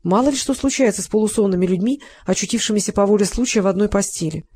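An audiobook narrator reading a romance novel in a steady, expressive way. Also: mid-range voice, fast talker, slightly rough.

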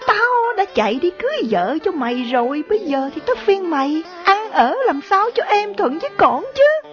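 A woman's voice: extremely high pitch, sing-song, moderate pace. A woman voicing a weary, scolding older country mother with a Southern Vietnamese accent, in radio drama style. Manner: nagging, complaining. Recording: dull lo-fi recording, faint music.

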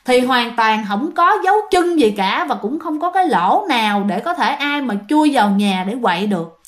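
A woman's voice: on the high side, lively intonation, moderate pace. A woman telling a ghost story in a casual, chatty way, talking straight to her listeners. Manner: chatty, addresses listeners directly.

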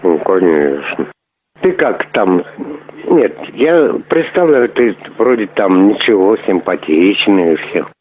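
Over a tinny phone line, a man makes a crude prank call, pushing and rambling, swearing a lot as he keeps asking to meet up. His voice is deep and very animated, and he takes his time.

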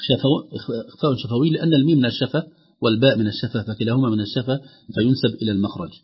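A man with a husky, slightly breathy voice teaches Quran recitation in a calm, methodical way. He breaks off to recite short examples slowly and with a full voice. The sound is dull and muffled, like an old radio recording. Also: medium pitch.

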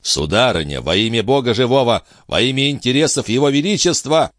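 A man's voice: lowish voice, sing-song, unhurried, a bit bright, no echo, studio quality, voice pushed up, heavily acted. A man voicing a flustered, resentful middle-aged police chief who stammers and pleads, in an audiobook. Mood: indignant. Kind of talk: audiobook character voice.

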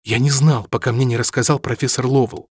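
A man's voice: mid-range voice, steady tone, fairly quick, slightly rough, no room sound, studio quality, lightly acted. A man reading aloud voices an anxious, defensive young male student.

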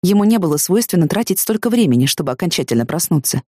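A woman reading a first-person novel aloud in an expressive way. Her voice sits low, while her pitch moves in lively arcs across each sentence. The sound is close and dry, with no room echo. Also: quick pace. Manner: expressive, emotionally engaged reading. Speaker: audiobook narrator.

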